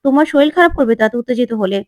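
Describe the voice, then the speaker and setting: A woman voicing a shifty young husband defending himself in a hurried way in a retold TV serial. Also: high voice, lively intonation, no room sound, clean studio sound. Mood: defensive.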